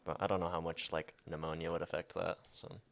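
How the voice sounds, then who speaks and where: A man with a lowish voice talking quickly in casual podcast chat about a book. He rambles and hedges, filling his sentences with "like". Relaxed, conversational delivery. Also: gravelly. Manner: rambling, hedging with "like". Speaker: podcast co-host.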